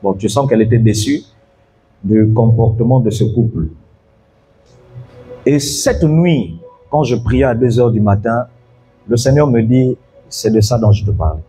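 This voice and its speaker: A man's voice: on the low side, normal speed, warm tone, husky, soft background music. A pastor preaching an evening sermon, telling a story and calling out to his congregation to follow him.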